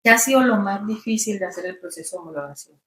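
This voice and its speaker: A woman's voice: medium pitch, lively intonation, quick pace, fairly bright tone, husky. A woman hosting an interview, asking questions in a friendly, encouraging way. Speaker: interviewer, channel host. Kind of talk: casual interview.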